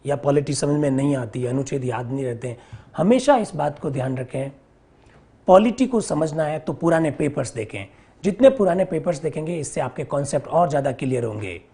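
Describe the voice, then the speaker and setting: Man, lecturing teacher, slightly husky, drills terms by repetition and rhetorical questions. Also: on the high side, lively intonation, mellow. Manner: repeats key terms slowly, asks and answers his own questions. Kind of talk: exam-prep polity lecture.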